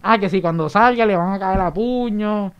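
A man's voice: high voice, normal speed, clean tone, dull audio. A man in his twenties with a Puerto Rican accent, telling old school stories in a casual chat with friends, full of crude slang. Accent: Puerto Rican Spanish. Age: 20s. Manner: animated storytelling, crude slang. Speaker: podcast co-host.

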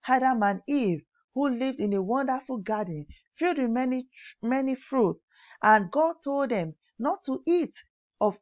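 A woman teaching a Bible lesson to teens, reading scripture aloud and slowing down to stress key words, sometimes correcting herself mid-sentence. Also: fairly high pitch, darkish tone, muffled recording. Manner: pauses to correct herself, occasional coughs. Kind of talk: teen Sunday school Bible lesson.

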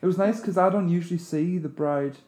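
A man, a wedding photographer chatting casually as a podcast co-host in a mumbling, relaxed way. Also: sits high, a little fast. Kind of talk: casual chat.

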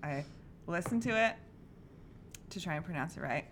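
A woman's voice: fairly low pitch, moderate pace, slight background noise. A woman co-hosting a podcast in casual chat, laughing often as she tells a mystery story. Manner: giggly, animated, storytelling. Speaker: podcast co-host.

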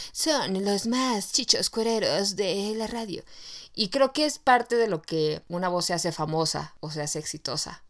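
A woman with a Mexican accent hosting a podcast in a casual, chatty monologue, recorded at home late at night. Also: medium pitch. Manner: chatty and conversational, shifting between loud and soft. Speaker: podcast host.

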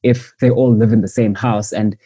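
Husky, mellow man. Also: on the low side, steady tone, moderate pace, no room sound. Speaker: podcast host. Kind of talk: casual chat, reviewing a TV series.

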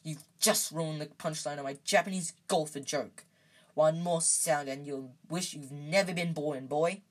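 A woman's voice: low-pitched, measured pace. A woman voicing a bullying middle-aged uncle in a storybook, blustering and pompous, both menacing and falsely polite. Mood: menacing fury. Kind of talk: storybook character voice.

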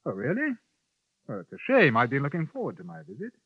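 An actor playing an urbane, dryly polite English newspaper correspondent in a 1950s radio western, with an English accent. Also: male voice, medium pitch, wildly swooping pitch, fast, husky, no echo. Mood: wry, polite. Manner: courteous, wry, understated. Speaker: lead actor and narrator. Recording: muffled vintage radio broadcast, music behind.

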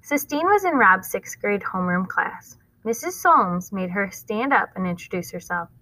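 A woman teacher reads a chapter book aloud to her class. She stops to explain it in plain, casual words with small fillers. Her voice is bright, and the recording is close and dry. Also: mid-range voice, sing-song, moderate pace, no echo, low-quality recording. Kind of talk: reading a novel aloud with explanations.

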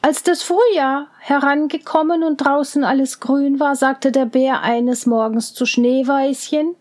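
A woman reading a fairy tale aloud in a calm, measured way, letting phrases fade into whispers. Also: sits high. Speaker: storyteller.

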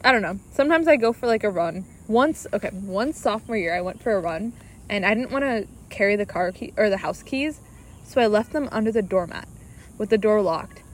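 A woman's voice: medium pitch, animated, a little fast, slight background noise. A young woman from Alaska chatting casually on a podcast, playful and full of "like". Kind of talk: casual chat.

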